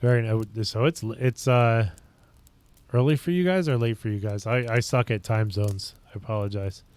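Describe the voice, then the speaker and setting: A man's voice: medium pitch, moderate pace, a little mellow. A man from upstate New York hosting a casual livestream, chatting with viewers and thinking aloud in loose, rambling sentences. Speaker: livestream host.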